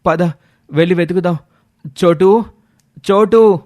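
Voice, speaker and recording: Cartoon storybook role: man doing brave young friend, a bit higher than usual, urgent and resolute. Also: flat delivery, moderate pace, a little mellow, no room sound, clean studio sound, natural voice. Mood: determined. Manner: urgent, calling out and determined. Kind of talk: animated storybook voice acting.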